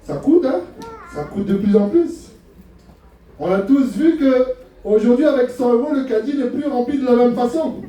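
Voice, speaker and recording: A man's voice: very high-pitched, moderate pace, mellow. A middle-aged man from France preaching a sermon as pastor, humorous and full of rhetorical questions. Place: church hall. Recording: very echoey hall, voice from far off.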